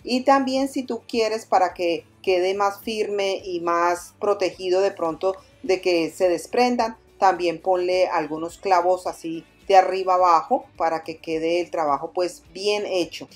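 Woman narrating a friendly DIY tutorial. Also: fairly low pitch. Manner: friendly step-by-step instructions, addressing viewers as friends. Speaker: DIY channel host.

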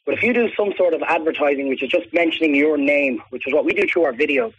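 Man, restaurant chef, rapid eager talk, faint hiss behind. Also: fairly high pitch, fairly bright tone, low-quality recording. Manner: quick, enthusiastic storytelling. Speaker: restaurant owner and chef, interview guest. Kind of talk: radio interview answers.

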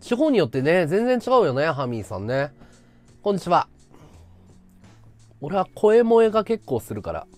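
A man's voice: sits high, very animated, moderate pace, long pauses, a little mellow, soft background music. A man from Chiba chatting casually with his live-stream viewers, rambling and laughing at his own stories. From Chiba, Japan.

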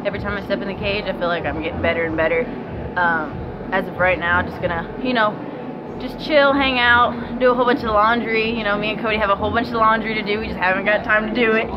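A woman's voice: mid-range voice, fairly even intonation, quick pace. A woman of twenty giving a casual post-fight interview as a fighter, talking loosely and hesitantly with lots of filler phrases. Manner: hesitant, peppered with "you know". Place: small wood-paneled indoor room at event venue. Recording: muffled audio with loud background noise.

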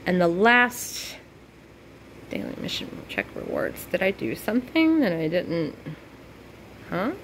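A woman with a lowish voice gives casual commentary over a game, bubbly and gushing as she walks through tasks. She fills her talk with "like" and little asides, with a faint hum of noise behind her. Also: wildly swooping pitch, slow pace, gravelly, pauses often, a bit bright. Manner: bubbly, gushing, heavy use of "like". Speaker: gaming video host.

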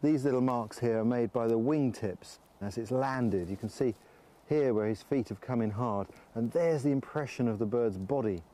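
A middle-aged English man, a wilderness presenter, calmly explaining bushcraft in a snowy forest, enthusiastic about nature. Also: mid-range voice, normal speed. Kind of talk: documentary narration and outdoor explanation.

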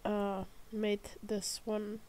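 A woman's voice: mid-range voice, completely flat delivery, drawn-out words, a little mellow, no echo. Sick-sounding woman drawling through gameplay. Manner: chatty, self-mocking, drifting into near-whisper asides. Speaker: gameplay streamer. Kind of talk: casual gameplay commentary.

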